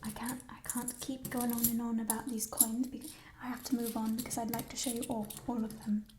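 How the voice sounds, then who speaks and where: A woman in an ASMR role-play as a playful, chatty thief, musing hesitantly in a burglar's hushed soft voice over stolen treasure. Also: fairly high pitch, level tone, brisk, noisy background, close to an everyday voice. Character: playful, chatty female thief showing off stolen coins in a fantasy world.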